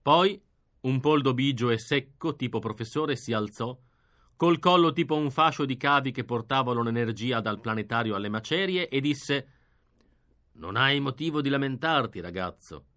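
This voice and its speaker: A man reading an audiobook, narrating in a lively, expressive first-person style. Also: mid-range voice, normal speed. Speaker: reader.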